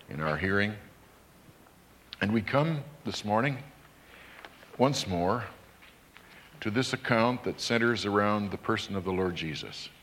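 A man, a pastor, delivering a measured, emphatic sermon that rises in intensity. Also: lowish voice, a bit bright.

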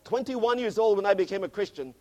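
A man's voice: high-pitched, animated, brisk, darkish tone. A man in his fifties preaching a sermon, earnest and emphatic, repeating key phrases for stress. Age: 50s.

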